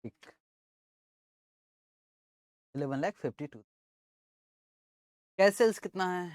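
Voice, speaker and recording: A man's voice: sits high, takes it slowly, a little mellow, dry recording. Casual male accounts teacher, dry sound. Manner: casual, works through sums aloud. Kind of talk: informal classroom lesson.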